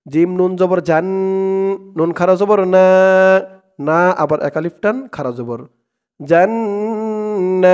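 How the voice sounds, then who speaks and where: High, smooth-voiced man teaching slow recitation. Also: a little mellow. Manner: chants verses slowly, then explains pronunciation rules plainly. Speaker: Quran reading teacher. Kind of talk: slow recitation lesson, syllable by syllable.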